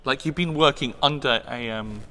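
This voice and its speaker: A man's voice: medium pitch, moderate pace, pushed and bright, in a large hall. A man chatting enthusiastically as co-host of a perfume review, rambling with many restarts. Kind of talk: casual chat.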